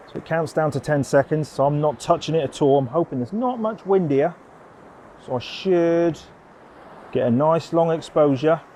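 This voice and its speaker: A man's voice: a little high, a little mellow, a little hiss or hum. A man chatting casually as a landscape photographer, rambling in a down-to-earth way while outdoors on a coastal headland. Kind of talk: casual vlog chat.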